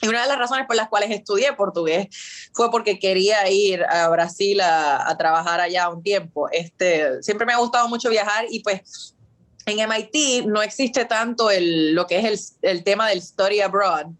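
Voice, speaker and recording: A woman's voice: medium pitch, moderate pace. A woman in her thirties from Puerto Rico with a Puerto Rican accent, answering interview questions in a chatty way, full of fillers and English words, over a video call. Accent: Puerto Rican Spanish. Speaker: guest.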